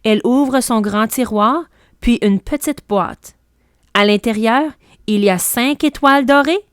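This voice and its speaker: A woman, a teacher reading a children's book aloud in a clear, steady way. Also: a little high, unhurried, no room sound, studio quality.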